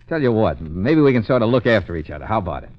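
An actor playing a brash, eager, wisecracking private investigator in 1940s radio style, breezy and prone to stammering when flustered. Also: male voice, lowish voice, sing-song, brisk. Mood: kindly. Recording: dull vintage radio recording.

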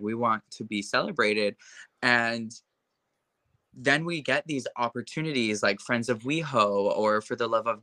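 This interview guest is a young man speaking in relaxed conversation, mid-range in pitch and sharp in tone, recorded without echo. He argues with passionate conviction, leaning hard on filler words.

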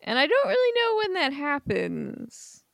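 A woman's voice: sits high, wildly swooping pitch, measured pace, gravelly, fairly bright tone, no room sound. A woman co-hosting a casual comic book club podcast, making dry, wry remarks and thinking aloud. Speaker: podcast co-host.

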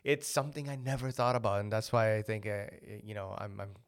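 A man's voice: lowish voice, clear, resonant tone. Male co-host, casual, stammering and hesitant. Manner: halting, stammering, trails off quietly. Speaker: podcast co-host. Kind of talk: casual podcast chat.

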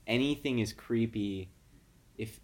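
A young adult man co-hosting a podcast in casual chat, relaxed and quick to laugh. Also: fairly low pitch. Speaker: podcast co-host.

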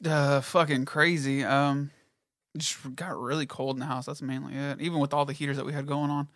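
A man's voice: mid-range voice, flat delivery, a little fast, a bit bright, no room sound, clean studio sound. A man in casual chat, telling a long story with heavy swearing and quoted back-and-forth. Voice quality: profane, storytelling with quoted voices.

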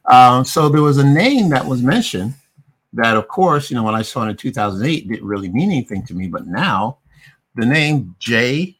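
A man's voice: mid-range voice, sing-song, moderate pace, a bit bright, breathy edge. A middle-aged man hosting a casual movie review, talking in a rambling way with many fillers and restarts. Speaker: podcast host.

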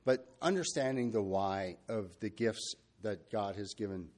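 A man preaching a sermon, talking freely with fillers and restarts, and reading scripture in a steady measured cadence. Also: on the low side. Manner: unscripted and searching, with restarts and fillers.

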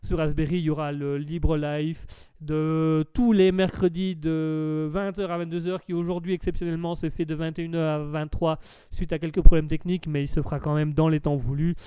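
High-voiced chatty radio host. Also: male voice, level tone, moderate pace, dark tone, clean tone, dry recording. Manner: chatty, with fillers and restarts. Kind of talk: casual radio show talk.

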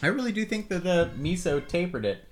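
A man's voice: sits high, sing-song, brisk, a crowd in the background. A middle-aged man hosting a casual snack-tasting video with his kids, chatty and upbeat, laughing often and coaxing them along.

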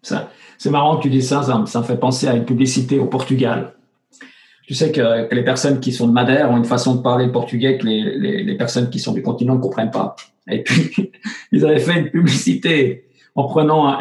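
Guy hosting an interview, asks questions, lots of quick "yeah"s, roomy echo on his mic. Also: mid-range voice, darkish tone. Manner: friendly, brief affirmations and leading questions. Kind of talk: casual interview chat.

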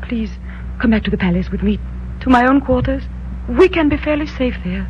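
An actress voices an earnest young female ruler of an eastern kingdom, speaking softly and formally in 1950s radio drama style. Her high voice has lively intonation and a slightly fast pace, heard on a dull old radio broadcast with hum.

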